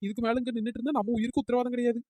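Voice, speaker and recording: A woman voicing a frightened, whiny village woman in a cartoon comedy, talking fast in pleading village chatter. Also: fairly high pitch, little pitch movement, dark tone, no echo, clean studio sound, close to an everyday voice. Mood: scared. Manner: fearful, pleading village chatter with drawn-out calls. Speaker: cartoon character.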